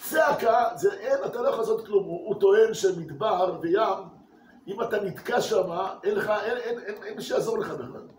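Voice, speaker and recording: A man, a rabbi, giving a lively Torah class to his congregation, asking rhetorical questions and repeating words for emphasis. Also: sits high, a little hiss or hum. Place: synagogue hall. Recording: echoey room from a distance.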